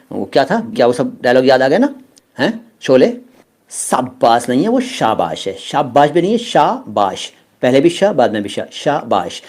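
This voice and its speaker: A man teaching pronunciation in a chatty way, stretching words out slowly and putting questions to his viewers. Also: medium pitch, a little mellow. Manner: chatty, quizzes viewers directly. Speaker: language teacher. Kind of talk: pronunciation lesson.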